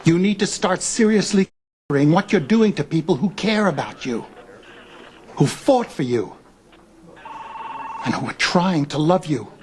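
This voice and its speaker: A man's voice: a little high, lively intonation, normal speed, pauses often, a little mellow, close to an everyday voice. An actor playing a stern middle-aged father who lectures his grown daughter in a soap opera. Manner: stern, scolding.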